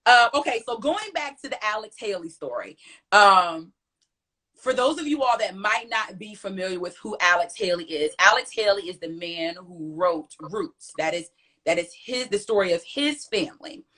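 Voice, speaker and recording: A woman from the US hosting a casual family chat, animated and laughing often as she tells stories. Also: mid-range voice, moderate pace. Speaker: host.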